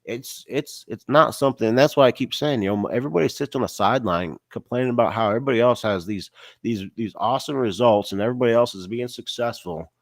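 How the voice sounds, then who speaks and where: An online business coach with a stuffy, nasal voice from a cold gives a casual motivational talk on mindset and business, often tacking on "right?" and "you know." He has a medium pitch and speaks fast. The recording is studio quality with no room sound.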